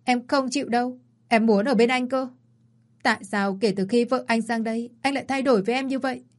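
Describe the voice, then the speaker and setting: A woman's voice: fairly high pitch, fairly quick, pitched above the performer's own voice, natural voice. A woman narrator voicing a pouty, demanding young woman who whines and pleads. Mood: sulky whining. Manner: whiny, petulant.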